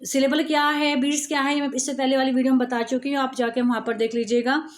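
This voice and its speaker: A woman teacher giving an exam-prep lecture, explaining slowly and repeating key terms. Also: sits high, flat delivery.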